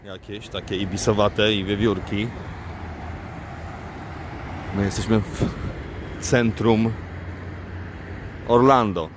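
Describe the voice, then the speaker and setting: A man narrates his travel vlog from a city park beside a lake, speaking slowly in a lowish voice. His delivery is flat and unenthusiastic, with a dry sense of humor. The camera's own mic records him outdoors, with clear traffic and boat noise underneath. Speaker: travel vlogger and guide. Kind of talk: casual vlog commentary while filming. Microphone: handheld camera mic, speaker off screen.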